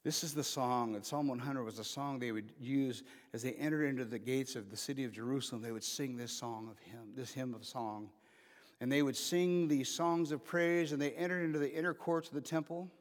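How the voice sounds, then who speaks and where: The pastor, a man in his fifties, speaks in a mid-range voice and fairly quickly during an informal sermon. Jokes alternate with emphatic calls to the congregation, and the hall he preaches in is reverberant.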